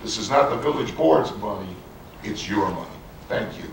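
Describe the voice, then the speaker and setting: A man with a creaky, gravelly voice gives a prepared closing statement as a candidate. The sound is distant and heavily echoing, as in a public hall. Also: fairly low pitch, animated, normal speed. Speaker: village board candidate. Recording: very echoey hall, distant mic, faint noise.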